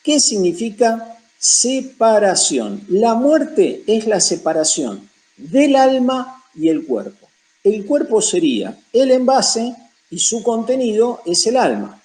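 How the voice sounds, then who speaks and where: High-voiced Argentine man teaching the Bible. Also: sing-song, slow pace, a little mellow, poor audio. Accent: Rioplatense Argentine. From Buenos Aires province, Argentina. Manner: emphatic, lists points one after another.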